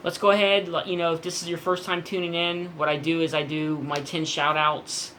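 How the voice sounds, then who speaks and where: A man hosting a casual live stream, rambling informally and keeping his voice quiet because it is night. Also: on the high side, level tone, fairly quick, slight background noise, rough recording. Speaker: live stream host of a comic collecting show. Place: room at home at night.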